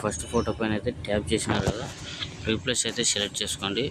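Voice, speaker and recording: Brief: male tutorial host, low, monotone delivery, rushed steps, checks in with "okay friends", loud traffic noise behind. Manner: keeps repeating "okay friends" between steps. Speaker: video editing tutorial host. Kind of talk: casual step-by-step phone app tutorial.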